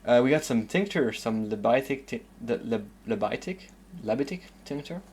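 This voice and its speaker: A streamer from the southern suburbs of Paris, France, speaks with a French accent as he casually comments on a game and thinks aloud, full of hesitant fillers. His mid-range voice is animated, a little mellow and slightly rough, at normal speed.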